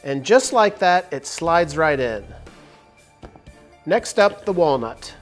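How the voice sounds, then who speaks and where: Speaking slowly, a forties-aged man who hosts a woodworking channel explains a build one step at a time. He sounds clear and upbeat, his pitch bouncing lively between lines. Faint, soft music fills the background of the big indoor wooden workshop where he records his tutorial narration.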